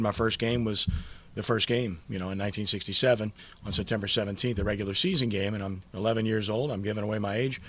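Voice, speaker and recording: A man in his fifties from New Orleans gives a humble acceptance speech at a press conference, full of stories and thanks. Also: on the low side. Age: 50s. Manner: humble, storytelling, warm thanks. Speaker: award recipient, sportswriter.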